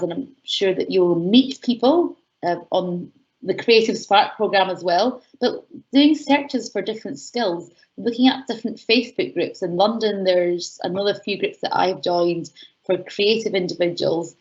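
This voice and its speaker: A Scottish woman giving advice in an online Q&A session, talking fast and excitedly with fillers. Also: medium pitch, muffled recording. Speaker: guest speaker. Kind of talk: online webinar Q&A talk.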